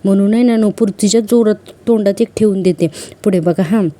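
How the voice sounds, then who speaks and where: A woman hosts a casual episode recap and talks quickly. Her voice is dark and mellow. She chats along with plenty of filler words. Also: mid-range voice, no room sound. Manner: chatty, with many filler particles. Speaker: serial recap narrator.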